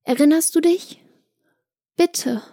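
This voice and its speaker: A young woman voicing a gentle, loving granddaughter who pleads earnestly with her grandfather. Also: high-pitched, takes it slowly, no room sound, studio quality.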